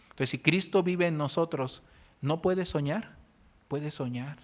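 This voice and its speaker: Animated Mexican pastor preaching. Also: male voice, a little slow. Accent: Mexican Spanish. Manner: animated, swings between loud outbursts and soft low tones. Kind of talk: sermon with storytelling. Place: church.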